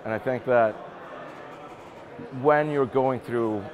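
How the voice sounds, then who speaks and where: Speaking slowly at medium pitch through narrow, tinny audio, a middle-aged man from Iceland gives relaxed interview answers as a guest who works as a game publishing executive. He thinks out loud and repeats words, with a bustling event crowd in the background.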